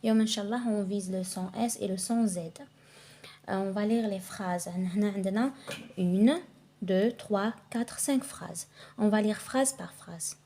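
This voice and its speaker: A woman teaching a French pronunciation lesson, reading example sentences slowly and carefully and switching between Arabic and French. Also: medium pitch, warm tone, slight background noise.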